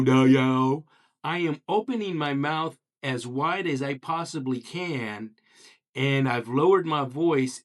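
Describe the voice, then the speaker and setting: A man casually telling a joke to a voice assistant, repeating his commands and enunciating as he tells the story. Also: a little high.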